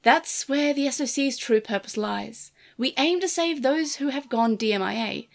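A woman voicing a scheming, pretentious partner Digimon that speaks in a measured, lofty way. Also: sits high, vocal fry. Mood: cool.

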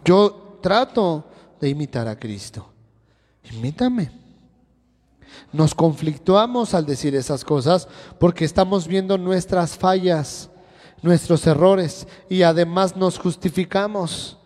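A man's voice: sits high, lively intonation, slow pace, a little mellow. A man teaching a sermon to a congregation, firing rhetorical questions at them one after another. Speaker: church teacher. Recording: long reverb of a church hall.

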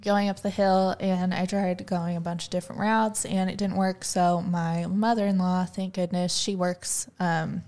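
A woman co-hosting a podcast, telling a story in a relaxed, casual way. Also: fairly low pitch, moderate pace, few pauses. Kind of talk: casual chat.

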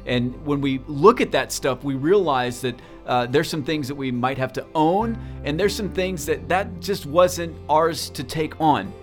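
A man telling a personal story in a talk, earnest and halting, often repeating words as he goes. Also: fairly high pitch, animated, soft background music. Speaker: speaker.

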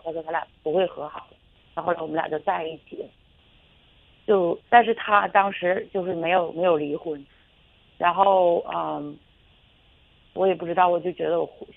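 Over a tinny phone line, a woman caller shares a personal story with a radio show, wandering and hesitating with plenty of fillers and false starts. Her voice is on the low side, and there's no room sound.

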